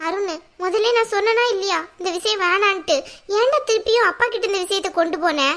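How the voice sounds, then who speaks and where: A woman voicing a worried middle-aged mother in a cartoon who scolds and pleads for calm. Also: very high-pitched, a little fast. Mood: scolding. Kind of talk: cartoon voice acting.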